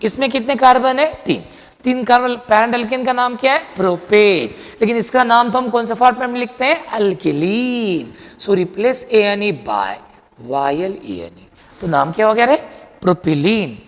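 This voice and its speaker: A man teaching a chemistry lecture in a lively, chatty way, quizzing his students as he goes. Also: high-pitched, a little slow, in a large hall. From India. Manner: lively, chatty, mixes Hindi with English terms, quizzes students. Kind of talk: classroom lecture.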